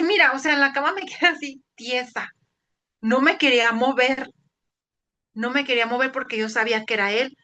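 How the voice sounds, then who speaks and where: A woman telling a personal faith testimony in an earnest, halting way, with restarts. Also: high-pitched, bright, forceful tone. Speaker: interviewee giving a faith testimony.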